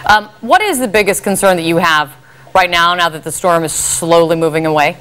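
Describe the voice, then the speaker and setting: Low-voiced woman anchoring live news. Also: a little fast, fairly bright tone, clean tone. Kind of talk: live broadcast news interview.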